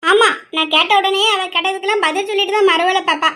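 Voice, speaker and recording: A woman voicing a sharp-tongued middle-aged mother who scolds and jabs sarcastically, in an audio drama. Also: very high voice, steady tone, quick pace. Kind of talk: amateur audio drama acting.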